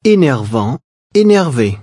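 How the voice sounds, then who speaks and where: A man and a woman speak together in unison, pronouncing French lesson drill words carefully and deliberately. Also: medium pitch, big pitch swings, dark tone, breathy edge, no room sound, studio quality. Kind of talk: slow, clearly spoken lesson drills.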